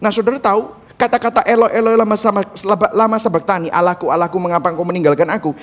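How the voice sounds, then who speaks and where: High-voiced man preaching with passion. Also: flat delivery, quick pace. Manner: emphatic, impassioned preaching that addresses the congregation directly; mixes English words into his speech. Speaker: pastor. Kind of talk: sermon.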